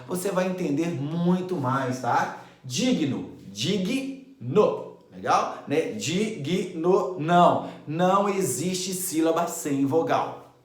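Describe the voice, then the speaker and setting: Lively male grammar teacher, echoey room. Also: a little high. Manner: lively, checks in with listeners often. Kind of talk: animated grammar lesson.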